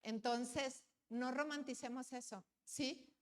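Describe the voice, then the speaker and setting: A woman's voice: sits high, fairly even intonation, slow. A woman speaking at a conference, telling a personal story plainly and earnestly, often turning to the audience with questions. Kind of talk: personal testimony talk. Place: large conference hall. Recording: long hall reverb.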